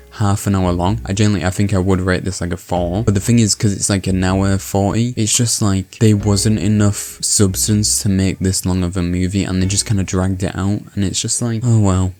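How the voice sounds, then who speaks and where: A man's voice: on the low side, a little mellow. A young man reviewing movies in a casual, rambling, sardonic way, full of "like" fillers.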